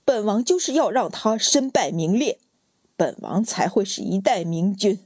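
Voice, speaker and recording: A woman's voice: mid-range voice, animated, moderate pace, darkish tone, breathy edge, no echo, clean studio sound. Woman voicing a sneering, ruthless prince. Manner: cold and sneering. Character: scheming male prince, cold and ruthless.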